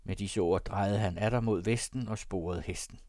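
A man narrating classic prose as an audiobook in a measured storytelling manner. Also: fairly low pitch, mellow, no room sound, clean studio sound.

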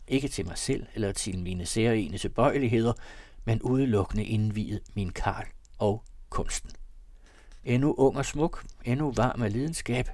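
A man's voice: fairly low pitch, a little mellow, dry recording, natural voice. A man reading a young unwed mother's lines from a classic novel audiobook, earnest and impassioned, with formal old-fashioned diction.

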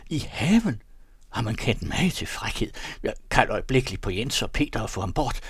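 A man voicing a small elderly gentleman, fussy and alarmed, asking shrill, indignant questions in a storybook reading. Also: sing-song, breathy edge, no echo, clean studio sound, full character voice.

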